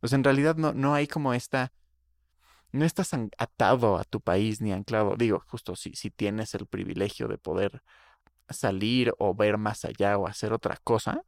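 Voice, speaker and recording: Un hombre joven con acento mexicano, copresentador de un pódcast, opinando en charla casual con muchas muletillas y groserías. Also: male voice, on the low side, normal speed, vocal fry, no echo, studio quality. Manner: opinionated, slangy, rambling. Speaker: podcast co-host. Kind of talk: casual chat.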